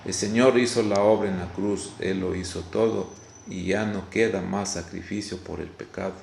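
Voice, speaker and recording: A man from Ecuador with an Ecuadorian Spanish accent, preaching a video sermon in a halting way, repeating words and often saying "Gloria a Dios.". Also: low voice, fairly even intonation, creaky, darkish tone, echoey room, slight background noise.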